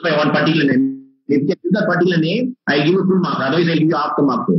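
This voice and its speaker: A man's voice: a little high, racing, breathy edge, lo-fi sound, faint music behind. A man with a South Indian accent hosting a live quiz over a video call, encouraging and often repeating his questions and phrases. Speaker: quizmaster. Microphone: computer mic on a video call.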